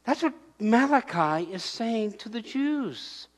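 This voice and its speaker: Preaching slowly in a very high-pitched voice, an older pastor moves about the church sanctuary. His animated sermon comes in loud bursts as he points and shouts out voices of an imagined crowd.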